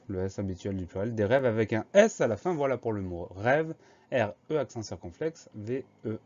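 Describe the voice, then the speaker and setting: Un homme enseignant l'orthographe avec un accent français, qui épelle les mots lettre par lettre, de façon lente et patiente. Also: male voice, lowish voice, warm tone, highs cut off. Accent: French. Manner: slow, patient, spells letters one by one. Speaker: teacher. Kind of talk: spelling lesson, dictation.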